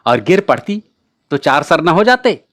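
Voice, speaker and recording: A man's voice: a little high, very animated, normal speed, fairly bright tone, no room sound, clean studio sound, voice pushed up. Man doing a bossy, impatient boy. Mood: scolding.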